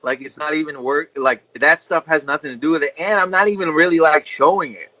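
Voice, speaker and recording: A man's voice: fairly high pitch, a little fast, sharp tone, no room sound, dull audio. A man comedian teasing a friend in rambling comedic banter over a video call, packing his talk with "like". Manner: rambling, teasing, heavy use of filler "like". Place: indoor room at home.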